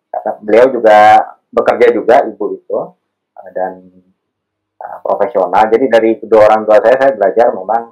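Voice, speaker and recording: A man in his thirties, a podcast guest, talking through his family and early career in an unhurried, thoughtful way, with many fillers. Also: fairly low pitch, lo-fi sound. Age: 30s. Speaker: podcast guest, alumni candidate. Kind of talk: casual interview chat.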